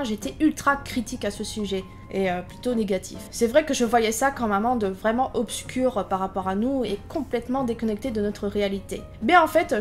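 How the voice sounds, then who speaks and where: A female VTuber host delivers scripted commentary in a slightly high voice, sprinkling in fillers as she shares her opinions. Faint background music plays beneath her. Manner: chatty, opinionated, many fillers.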